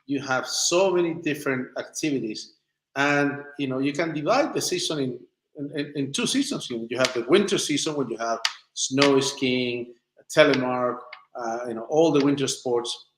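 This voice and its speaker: A man from Chile and southern Spain, a native Spanish speaker and documentary maker, gives informal interview answers as a guest, searching for words in a mid-range voice at normal speed. The recording is roomy and echoey, with background noise.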